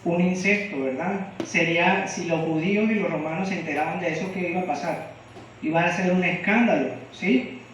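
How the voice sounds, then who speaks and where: A man's voice: high-pitched, moderate pace, fairly bright tone, slight background noise. A man from Venezuela preaching a devotional sermon in a church, often asking the congregation questions. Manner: asks the congregation frequent questions. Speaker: lay preacher. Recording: echoey room, distant mic, dull sound.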